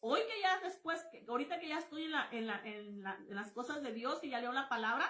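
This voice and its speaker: A woman's voice: high-pitched, lively intonation, brisk, pushed and bright, echoey room. A woman giving a spontaneous testimony sermon, exclamatory and repetitive, often calling her listeners brothers. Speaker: preacher sharing testimony.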